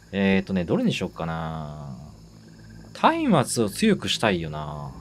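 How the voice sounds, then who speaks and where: A man giving let's-play commentary, excitable, talking to himself and repeating words in quick bursts. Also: mid-range voice. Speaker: game streamer.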